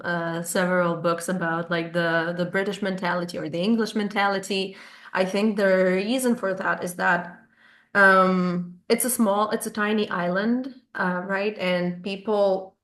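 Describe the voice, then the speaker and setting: Female discussion host, informal explainer, medium pitch, roomy echoing call audio. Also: fairly bright tone. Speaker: English club host. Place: group online call.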